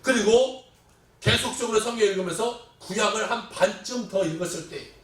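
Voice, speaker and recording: A man's voice: high-pitched, moderate pace. A male pastor preaching a Sunday sermon, telling a story and acting out the voices of the people in it. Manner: storytelling, quotes voices with dramatic swings in loudness. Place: church sanctuary. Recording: echoey church hall, distant mic.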